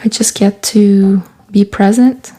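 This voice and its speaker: A woman with a soft, husky voice at medium pitch talks slowly, her intonation fairly even. Originally a French speaker from Quebec, Canada, she's an artist and author vlogger chatting casually over a collage in her small home studio.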